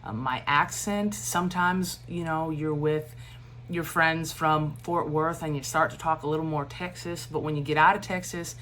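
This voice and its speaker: A woman instructor giving a recorded class lecture in a steady cadence, with animated emphasis and informal asides. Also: low-pitched, moderate pace, a little hiss or hum.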